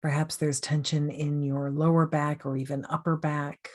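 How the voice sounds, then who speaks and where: A woman coach leading a guided meditation in a slow, soothing, gently inviting way. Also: low voice, flat delivery.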